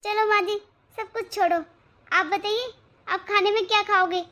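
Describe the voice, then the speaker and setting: A woman voicing a patient young daughter-in-law in a cartoon who calmly reasons with her mother-in-law. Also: extremely high pitch, moderate pace. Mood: coaxing. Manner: calm, coaxing.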